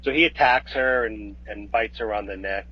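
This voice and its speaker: Husky-voiced male co-host, mid pitch, walks through plot scene by scene, muffled lo-fi audio. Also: normal speed. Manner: retells the plot step by step, hesitant. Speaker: podcast co-host. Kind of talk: casual film discussion. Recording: dull lo-fi podcast audio.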